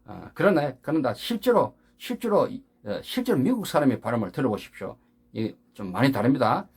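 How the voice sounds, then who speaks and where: Husky older man teaching English sounds. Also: medium pitch, big pitch swings, darkish tone. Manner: patient, drills sounds by repeating them slowly, with chuckles. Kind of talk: casual spoken lesson to viewers.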